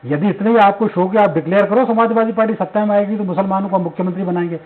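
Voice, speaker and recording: Male debate panelist, high voice, emphatic, tinny remote audio. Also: fast. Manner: emphatic, rhetorical questions. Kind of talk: televised debate argument. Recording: tinny phone-line audio.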